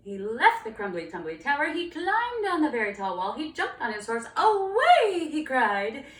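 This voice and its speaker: A cantor reads a children's storybook aloud in a sing-song, fairly bright voice that sits a little high and moves fairly quickly. Her storytelling is dramatic and emphatic, captured on a distant mic in a roomy space with faint noise.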